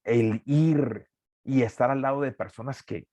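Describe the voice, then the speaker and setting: A man's voice: medium pitch, measured pace, dark tone, no echo. A man teaching an evangelism workshop as a preacher, earnest and emphatic, repeating key phrases.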